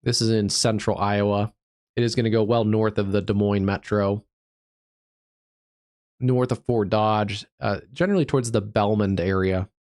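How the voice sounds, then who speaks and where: On a live severe weather stream, a digital meteorologist and host calls the storm radar in a lowish, steady, slightly mellow voice, recorded with studio quality and no echo. Stuffed up from allergies, he thinks aloud in an easygoing way, halting with fillers.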